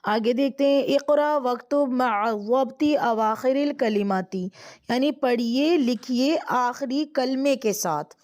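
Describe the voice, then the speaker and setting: High-voiced Pakistani woman teaching Arabic. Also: darkish tone. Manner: explains in quick bursts, drawls slowly when reciting words. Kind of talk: online Arabic grammar lesson.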